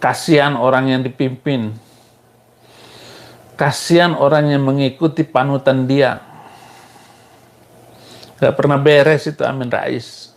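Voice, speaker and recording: Slow, gravelly-voiced man preaching. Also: steady tone. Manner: mocking, laughs at own jokes, dramatic pitch jumps. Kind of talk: sermon.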